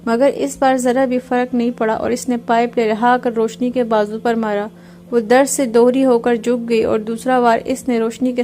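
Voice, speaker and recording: A woman reading a novel aloud in steady scripted narration. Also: fairly high pitch, a little hiss or hum.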